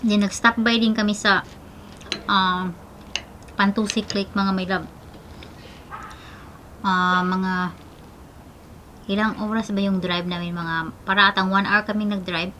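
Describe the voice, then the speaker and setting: A woman's voice: medium pitch, level tone, slow pace, pauses often, sharp tone, a little hiss or hum. A woman from the Philippines chatting casually in her vlog, mixing in English and cooing at her dog now and then. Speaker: vlogger. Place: outdoors at home in the evening.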